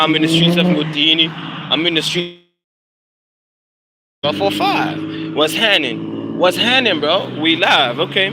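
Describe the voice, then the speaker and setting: A man's voice: fairly high pitch, noisy background. A South African man, a rapper and vlogger, chatting casually and rambling on a phone live stream from a neighborhood street. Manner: rambling, slangy, apologetic about glitches.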